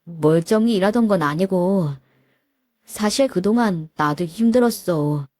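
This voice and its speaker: A soft-willed husband in his forties, begging and hesitating, as a woman narrator puts him on. The tone is mellow and the sound is dry and close. He comes across as spineless and apologetic. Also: fairly low pitch, measured pace, no room sound. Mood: hesitant. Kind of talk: storytelling with voiced dialogue.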